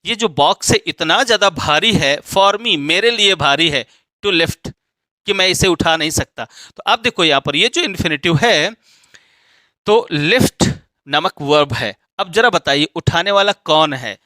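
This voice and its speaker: A man's voice: a little high, animated, unhurried, bright, forceful tone, no room sound. A man teaching English grammar, explaining step by step and checking often that students follow.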